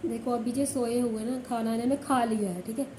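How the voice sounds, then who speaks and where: A woman with a high voice talks straight to the camera while sick with a fever, complaining and repeating herself. She keeps checking in with her viewers. The room is echoey and loud noise runs behind her. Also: fairly even intonation, a little fast. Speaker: village vlogger. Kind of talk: casual vlog talk to camera. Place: home indoors.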